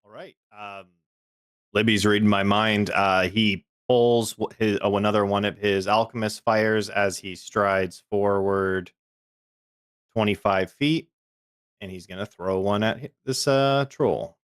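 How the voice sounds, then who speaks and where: A man's voice: lowish voice, steady tone, measured pace, a bit bright, clear, resonant tone, no room sound, studio quality. A man playing in a tabletop game, describing his character's actions in an easygoing, upbeat way. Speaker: player. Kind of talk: casual tabletop play.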